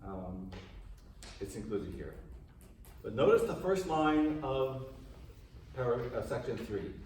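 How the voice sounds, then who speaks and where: A male priest with an animated, slightly mellow mid-range voice takes his time while lecturing a parish group informally. He keeps things conversational and puts questions to the audience in a large room, captured by a far-off mic with lots of echo and faint hiss.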